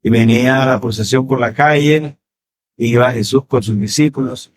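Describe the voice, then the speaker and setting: A man with a Colombian accent preaching a sermon in church as pastor, swinging sharply in pitch and loudness and tossing rhetorical questions to the congregation. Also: normal speed.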